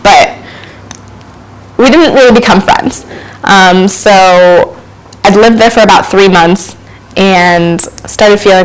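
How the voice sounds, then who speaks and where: A woman's voice: fairly low pitch, rough recording. A young adult woman telling a casual personal anecdote, chatty with frequent ums and laughing asides. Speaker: storyteller.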